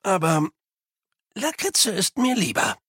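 A calm, knowing old monk, voiced by the narrator, delivers his words plainly and unhurried. The voice is a bit husky and sits dry and close. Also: high-pitched, no echo, voice pushed up, heavily acted. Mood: wry.

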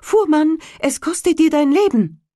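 A woman voicing a vengeful little male sparrow that taunts slowly in a high voice. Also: lively intonation, warm tone, no room sound, studio quality. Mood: menacing. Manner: high, slow, mocking.

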